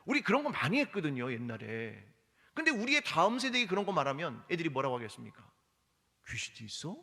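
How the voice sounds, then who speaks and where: A man's voice: a little high, wildly swooping pitch, fast talker, bright, forceful tone. A man preaching a sermon as pastor, firing rhetorical questions and leading the congregation in reading scripture aloud. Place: church hall. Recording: long hall reverb.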